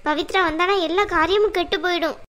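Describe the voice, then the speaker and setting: A woman's voice: extremely high pitch, fast talker, fairly bright tone. A woman voicing an anxious, pleading young wife in a cartoon. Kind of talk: cartoon voice acting.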